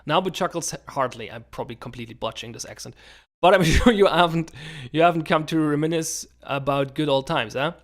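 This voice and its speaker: A man voicing a coarse, scarred middle-aged male merchant with a loosely put-on accent, rough and jovial. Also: fairly high pitch, brisk, close to an everyday voice. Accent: put-on accent, admitted as botched. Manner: gruff, jovial, rough slang-laced talk.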